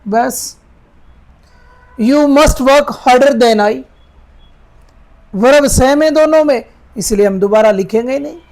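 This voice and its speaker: A man teaching an English grammar lesson, patiently dictating words slowly and checking that his students follow. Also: very high-pitched, darkish tone. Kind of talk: Hindi-medium grammar lesson.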